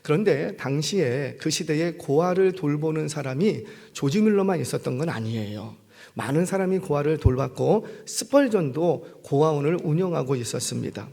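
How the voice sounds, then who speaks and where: A middle-aged male pastor preaching a sermon, telling a story and acting out its characters with shifting voice and loudness. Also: fairly high pitch, animated, fairly quick, gravelly. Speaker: senior pastor.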